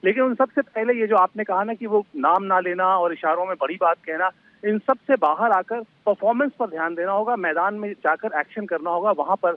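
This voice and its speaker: A man's voice: sits high, no room sound. Man, news correspondent, hesitant, fillers, dull lo-fi feed, dry. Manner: hesitant, many drawn-out fillers. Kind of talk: live news analysis.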